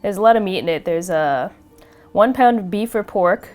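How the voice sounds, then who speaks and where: A woman's voice: mid-range voice, expressive, normal speed, darkish tone, faint music behind. A woman with a New York accent co-hosting a casual podcast chat, rambling and laughing often. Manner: giggly, rambling, lots of fillers and restarts. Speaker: podcast co-host.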